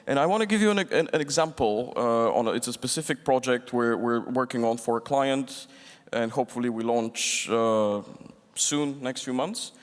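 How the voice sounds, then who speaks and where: A man's voice: medium pitch, moderate pace. Man from Bulgaria on a panel. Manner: thoughtful, with frequent restarts. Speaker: panelist, fintech executive. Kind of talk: conference panel discussion. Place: large conference hall. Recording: long reverb of a conference hall.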